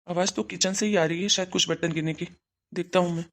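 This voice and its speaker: A woman voicing a man in his thirties in a cartoon, a son and husband who scolds sternly and loudly. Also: lowish voice, fairly even intonation, fast talker, a little hiss or hum, lightly acted. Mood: calm.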